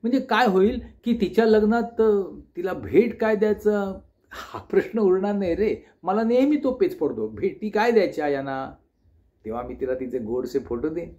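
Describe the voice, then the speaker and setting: A man voicing a gentle, forgetful elderly aunt in an audio story, drawing out her words and teasing softly. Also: high voice, expressive, normal speed. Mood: soft, wistful. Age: older.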